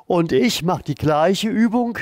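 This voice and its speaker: A man leading a guided exercise routine, calm and encouraging, talking while he does the moves himself. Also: high-pitched, a little slow, no room sound, studio quality. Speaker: therapy coach leading exercises.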